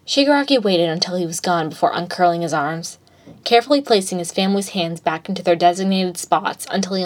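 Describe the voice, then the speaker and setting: A woman with a somewhat low voice reads fan fiction aloud. She keeps a steady, plain storytelling delivery throughout the narration.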